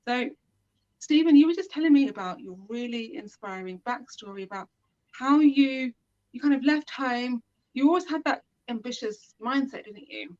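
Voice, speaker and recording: An enthusiastic woman hosts a live web interview show, speaking directly to her viewers in a fairly high voice. The sound comes through a video call and is dull and lo-fi, like a live stream. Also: normal speed, darkish tone. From United Kingdom. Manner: enthusiastic, talks straight to viewers. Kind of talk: upbeat show introduction and interviewing.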